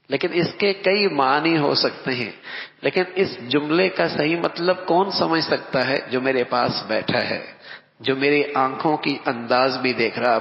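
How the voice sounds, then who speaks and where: A man preaching a sermon who repeats key phrases for emphasis and recites quotations in Arabic. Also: medium pitch. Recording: echoey hall, dull lo-fi sound.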